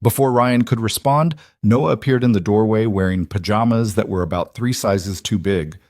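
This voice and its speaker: A man narrating a scripted story in an even, measured reading voice. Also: on the low side, dry recording, studio quality.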